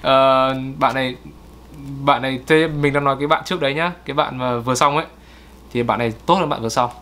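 A man, co-hosting and correcting pronunciation in a casual way, repeating words slowly to model them. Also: medium pitch, fairly even intonation, bright, forceful tone.

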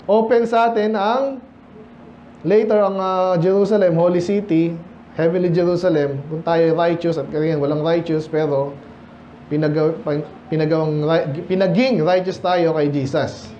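A Filipino pastor preaches at a midweek Bible study in a church hall, speaking conversationally, mixing English and Tagalog, and often putting questions to the congregation. His voice is high with fairly even intonation, a measured pace, and a dark tone. The reverberant recording sounds cut off in the highs, with slight background noise.

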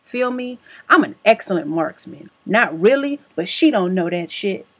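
A woman vlogger telling a comic story in a brash, profane, deadpan manner with a husky voice. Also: mid-range voice, moderate pace.

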